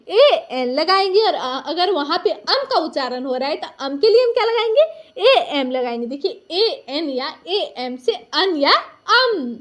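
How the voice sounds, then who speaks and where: A woman's voice: extremely high pitch, fairly bright tone. A woman teaching a recorded lesson, patiently repeating each point and asking and answering her own questions.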